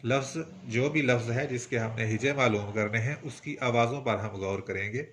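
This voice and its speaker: Brief: Pakistani man with a Punjabi-tinged accent, mid-pitched voice, poetry teacher, slow and methodical, sounds out syllables. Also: a bit bright, slight background noise. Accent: Punjabi-influenced Urdu. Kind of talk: instructional lesson.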